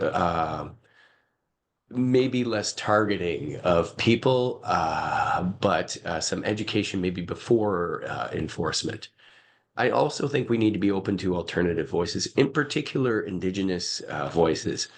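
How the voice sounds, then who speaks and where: Croaky low-voiced man. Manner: hesitant, many fillers. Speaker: conference speaker. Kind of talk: conference talk.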